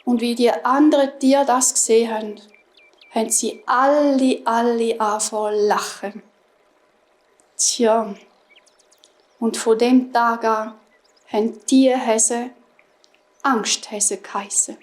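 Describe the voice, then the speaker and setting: A woman with a Swiss German accent telling a fairy tale to children in a gentle, unhurried manner. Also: on the high side, fairly even intonation. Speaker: storyteller. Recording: roomy echo.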